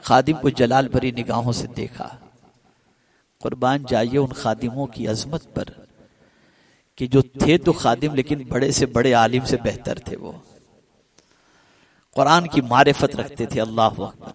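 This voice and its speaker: A man preaching a religious sermon. He stretches some phrases out slowly and builds others to loud, fervent peaks. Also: mid-range voice. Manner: swells from slow, drawn-out phrases to loud impassioned peaks.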